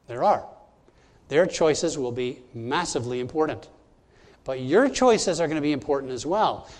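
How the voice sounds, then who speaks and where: A man's voice: fairly high pitch, a little mellow. A man who is a pastor, preaching a sermon to his congregation, emphatic and walking through his points one by one. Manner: emphatic, teaching point by point, addressing the congregation directly. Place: church service.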